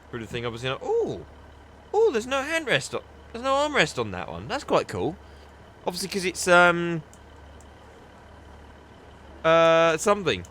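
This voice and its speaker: With a fairly high, bright voice and a forceful tone, the same kind of young man gives chatty commentary as he plays a train simulator for his gaming videos. He's enthusiastic and keeps restarting sentences. Some light hiss or hum sits under the recording.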